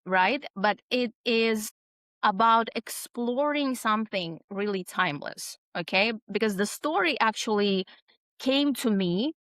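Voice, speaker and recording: A middle-aged Russian woman, appearing as an author guest, answers an interview question conversationally at a slow, deliberate pace. She sounds thoughtful and uses lots of "um," "right?" and other tag questions. Her mid-range voice is lively in intonation and a bit bright, recorded dry and close.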